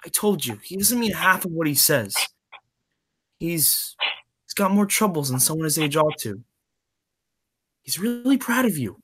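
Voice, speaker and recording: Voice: mid-range voice, big pitch swings, unhurried, long pauses, a bit bright, breathy edge, full character voice. A performer playing a protective teenage greaser older brother in a school play, who speaks in a reassuring, confiding way. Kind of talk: school play read remotely.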